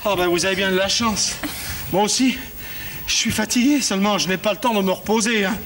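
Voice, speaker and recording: A man's voice: high-pitched, fairly quick, noisy background, natural voice. An actor playing a kindly, overworked postman in a 1970s children's TV show, explaining things hesitantly with many stumbles. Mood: weary.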